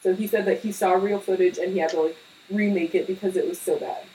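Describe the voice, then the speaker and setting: A woman's voice: lowish voice, fairly even intonation, quick pace, mellow. A young woman co-hosting a podcast, chatting casually with lots of fillers and tangents. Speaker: podcast co-host. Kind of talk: casual chat. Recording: slightly distant mic with faint hiss.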